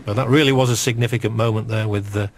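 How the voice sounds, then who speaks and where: A man's voice: lowish voice, steady tone, fast. A middle-aged man giving live golf commentary in a conversational, musing way with understated enthusiasm. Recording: noisy outdoor broadcast ambience.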